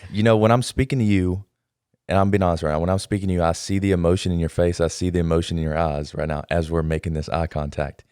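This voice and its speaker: A man hosting a casual podcast interview in a studio, energetic and encouraging, talking in quick bursts. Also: deep voice, clean tone, dry recording. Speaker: podcast host. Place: podcast studio, in person with guest. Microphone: studio microphone.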